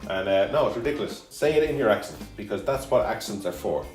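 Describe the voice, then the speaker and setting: Low-voiced joking man in an echoey kitchen. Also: animated, quick pace, a little mellow, faint music behind. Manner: joking, rambling, chatty. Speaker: cooking show host. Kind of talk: casual cooking chat.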